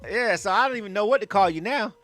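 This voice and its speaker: A man hosting a radio interview in a relaxed, slangy, laughing way. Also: high voice, fast talker, over music. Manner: laid-back, slangy, laughs a lot. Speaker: radio show host.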